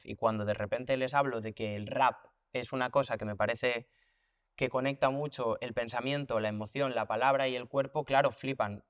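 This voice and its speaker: A man talks through his ideas in a relaxed interview. His mid-range voice is reflective and full of concrete examples. It sounds dry, with little room echo. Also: mid-range voice. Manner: reflective, thinks aloud with restarts and repetitions; explains with hands-on examples and comparisons. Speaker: voice teacher and actor. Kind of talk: conversational interview.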